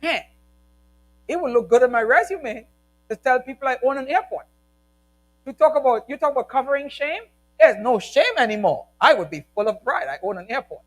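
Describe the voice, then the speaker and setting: A middle-aged man, a pastor, speaking emphatically and telling animated stories during a church panel discussion. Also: very high voice, low-quality recording. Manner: energetic, emphatic, animated storytelling.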